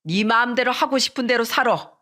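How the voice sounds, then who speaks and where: A woman's voice: a little high, fairly quick, bright, forceful tone, pitched above the performer's own voice. A woman reading the part of a stern elderly mother-in-law who scolds and commands her family. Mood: scolding.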